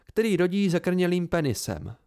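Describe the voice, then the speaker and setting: A man's voice: high voice, big pitch swings, mellow, pitched above the performer's own voice. A man voicing a stubborn young female student who answers defensively. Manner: defensive, muttering.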